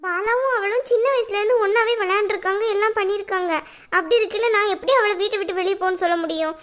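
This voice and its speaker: A woman's voice: very high-pitched, steady tone, fast talker, a bit bright. A woman voicing a heartbroken young wife in a cartoon who laments through sobs. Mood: pleading. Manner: sobbing, self-pitying lament.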